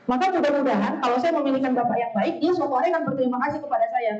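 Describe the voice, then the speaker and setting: A woman, giving a lively, blunt talk with humour to a women's study group. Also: sits high, rapid-fire. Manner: blunt, animated, acts out quoted voices, laughs often. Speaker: speaker at a women's study session. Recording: echoey far-off dull sound.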